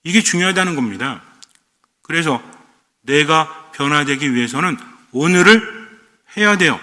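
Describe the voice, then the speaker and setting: Priest guy chatting through a homily, keeps asking the crowd questions, bright voice, big reverby hall. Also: a little high, expressive, a little slow. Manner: conversational, quizzes the audience with rhetorical questions. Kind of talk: lecture-style homily.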